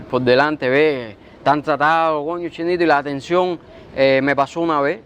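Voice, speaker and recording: A man talks emphatically in a fairly high voice, acting out the remarks of others. Faint outdoor traffic noise sits behind him. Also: steady tone, moderate pace, fairly bright tone. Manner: emphatic, acts out quoted exchanges. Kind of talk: conversational interview.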